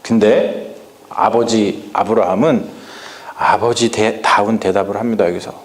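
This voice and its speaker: A man's voice: lowish voice, steady tone, a little slow. Male pastor, sermon delivery, asks the room questions, echoey sanctuary sound. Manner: questions the congregation, acts out Bible lines in dialect. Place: church sanctuary. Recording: echoey church hall.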